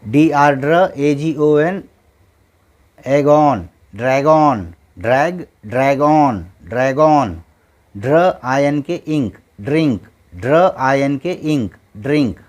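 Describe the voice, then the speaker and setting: A man's voice: mid-range voice, lively intonation, slow pace, darkish tone. A man teaching English phonics, spelling out letters and sounding out each word, then repeating it patiently several times.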